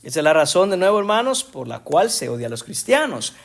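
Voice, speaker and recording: A man's voice: sits high, sing-song, brisk, vocal fry. A man preaching a sermon as a pastor, speaking emphatically and often addressing the congregation as brothers. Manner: emphatic, rising to strong stresses on key words.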